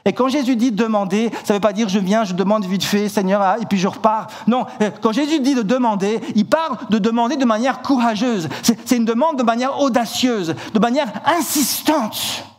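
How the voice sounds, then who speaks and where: Male preacher with a high voice, vivid storytelling, repeats himself, church sermon. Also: normal speed, few pauses. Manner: animated storytelling, acts out shouted lines; repeats words, stumbles and restarts.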